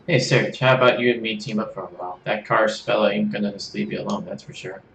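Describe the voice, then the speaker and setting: A man voicing a brash young woman fighter in a video game, with a rough put-on Australian-British accent and a slangy, cocky way of talking. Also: on the low side, fairly even intonation, quick pace, fairly bright tone, slight background noise. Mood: friendly. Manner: cocky, slangy, calls people mate. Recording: roomy room, faint game music.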